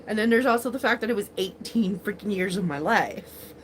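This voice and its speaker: A woman's voice: mid-range voice, expressive, fairly quick, a little hiss or hum. A woman in her forties chatting casually on a livestream, rambling with many fillers, laughing often and speaking with open emotion. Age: 40s. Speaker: livestream host.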